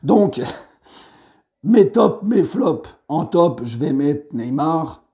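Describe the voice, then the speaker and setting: Hoarse, fired-up man ranting. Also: fairly high pitch, drawn-out words. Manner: heated, animated, swears freely. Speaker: football fan debriefer. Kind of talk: post-match vlog rant.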